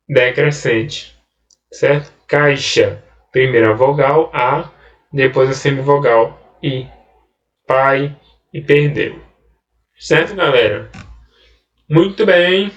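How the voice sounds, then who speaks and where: A man's voice: mid-range voice, roomy sound, recorded from a distance, lo-fi sound. A Brazilian male Portuguese teacher giving a recorded online grammar lesson, explaining patiently and often checking in with "né?" and "tá?".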